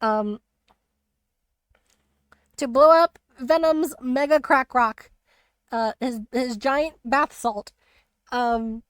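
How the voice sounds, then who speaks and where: A woman streamer chatting casually about a video game, rambling and animated with lots of fillers. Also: a little high, dry recording. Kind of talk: casual spoiler chat on a live stream.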